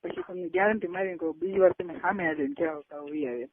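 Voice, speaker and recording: With music playing in the background, a Gujarati-accented caller in his twenties talks at a quick pace in a fairly high voice. He is persistent and persuasive in a casual private phone chat, recorded as tinny narrowband call audio.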